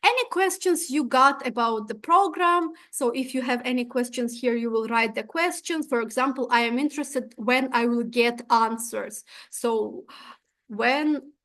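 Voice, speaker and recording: Presenting an exchange program application, this high-voiced young woman from Tajikistan explains each step a little slowly, in a fairly bright tone. Russian is her first language. Her walkthrough is peppered with "uh" and frequent "right?" checks.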